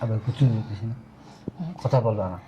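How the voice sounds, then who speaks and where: A man's voice: fairly low pitch, fairly even intonation, fairly quick, mellow, highs cut off, slight background noise, lightly acted. A man playing a pushy, selfish young fiancé, insistent and dismissive. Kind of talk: amateur short-film acting.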